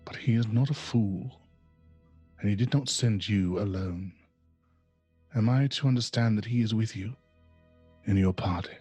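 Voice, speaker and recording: A man's voice: lowish voice, unhurried, pauses often, mellow, breathy edge, no echo, faint music behind. A man voicing a cold, menacing female cult leader in a tabletop game, silky and threatening.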